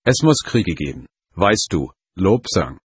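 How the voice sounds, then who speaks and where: A man voicing an old, wise lama mentor who speaks calmly and gravely. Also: lowish voice, no echo, studio quality. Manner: calm, slow, grave.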